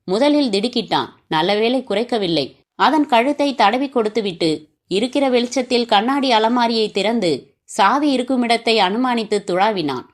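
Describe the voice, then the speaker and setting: A woman with a somewhat high voice reads a crime novel aloud as a scripted narration. Her delivery is even and measured. She gives the dialogue only a light touch of character. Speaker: audiobook narrator.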